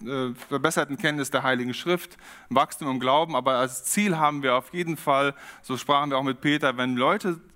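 A man preaching a sermon, reflective and steady, often posing questions to his congregation. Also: mid-range voice, fairly quick. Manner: reflective, poses rhetorical questions.

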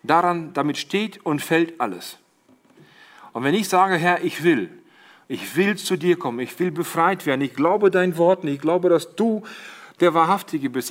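Middle-aged male preacher, emphatic sermon delivery, slightly high voice. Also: expressive, normal speed. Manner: addresses congregation as siblings, quotes Jesus with emphasis.

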